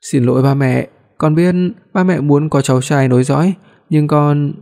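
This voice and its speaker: Picture a man reading aloud as a clingy, playful young wife in an audiobook story, her voice a touch higher and softly mellow. She pleads and pouts, always a little sulky. The tone stays warm rather than bright. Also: steady tone, normal speed, vocal fry. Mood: tender.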